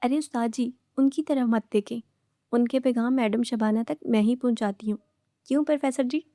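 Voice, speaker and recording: A cheeky, bossy young woman teases and pushes others around in a storybook reading, as a woman narrator voices her. The voice sits a little high but is mellow and dry, with no room sound. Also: moderate pace, dry recording, natural voice. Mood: teasing. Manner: brash, playful, bossy. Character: bold teasing young woman student.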